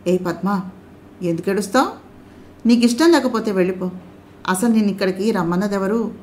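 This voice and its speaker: A woman voicing a proud young husband who is quick to irritation, speaking in blunt, sulky retorts. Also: mid-range voice, darkish tone, a little hiss or hum, close to an everyday voice. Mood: impatient.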